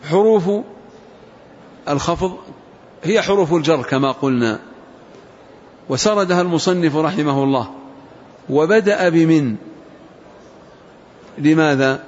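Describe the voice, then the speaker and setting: A man teaching a grammar lesson to a class, asking questions and repeating key words slowly for emphasis. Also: fairly high pitch. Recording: muffled recording with faint hiss.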